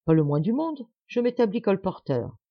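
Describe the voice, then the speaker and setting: A woman's voice: mid-range voice, sing-song, moderate pace, no echo, highs cut off. A woman reading the part of a proud, stubborn middle-aged man who talks with insistent, forced cheer. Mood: satisfied.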